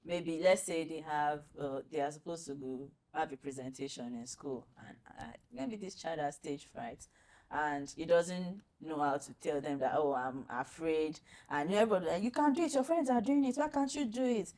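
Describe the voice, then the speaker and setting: A pediatric doctor appears as a guest on a panel, sharing a personal anecdote. She has a deep voice and tells her story warmly, laughing readily.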